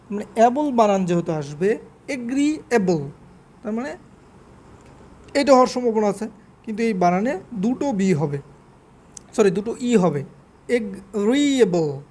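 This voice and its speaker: A woman teaching English spelling in a quiz lesson, repeating each word slowly and spelling it out letter by letter. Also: mid-range voice, big pitch swings, mellow.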